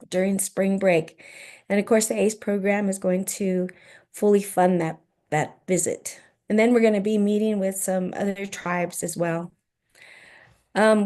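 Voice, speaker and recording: A woman's voice: medium pitch, warm tone. A woman school administrator giving a report at a board meeting, informal with fillers and restarts, and her voice is going. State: losing her voice.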